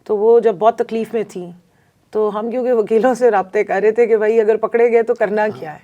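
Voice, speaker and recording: A woman's voice: fairly high pitch, steady tone, mellow, highs cut off. A woman from Pakistan, a politician guest on a podcast interview, telling her story in an emphatic, earnest way.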